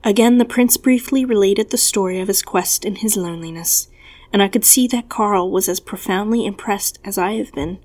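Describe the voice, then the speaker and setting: A woman's voice: medium pitch, normal speed, a little mellow. Woman reading an old-fashioned story. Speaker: narrator.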